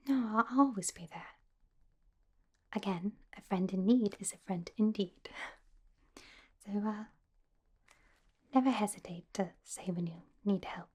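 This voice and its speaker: This woman, whispering breathily through an ASMR roleplay, portrays a caring, bookish schoolgirl witch in her teens who talks softly and helpfully, pausing now and then with slight hesitation. Her mid-range voice carries a soothing, caring mood.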